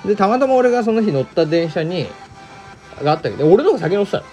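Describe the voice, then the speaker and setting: A man co-hosting a chat, telling an animated story and acting out quoted lines in a rough voice. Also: sits high, racing, soft background music. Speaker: podcast co-host.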